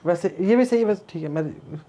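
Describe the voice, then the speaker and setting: A male physics teacher with a fairly high voice, giving a casual lecture. He talks straight to his students in a chatty, teasing way and keeps slipping into playful rhymes and asides. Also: moderate pace, dark tone.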